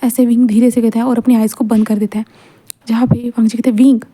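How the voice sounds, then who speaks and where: Woman storyteller reading fan fiction: chatty and full of fillers, mellow dark tone, slightly high. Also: flat delivery, fast. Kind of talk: casual fan fiction narration.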